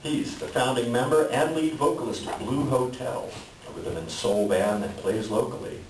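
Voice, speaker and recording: A man with a medium-pitched voice, speaking at a normal pace, hosts a play reading in a library event room and gives the audience a chatty, wryly humorous informal introduction. The recording is echoey, with a distant mic and clearly audible background noise.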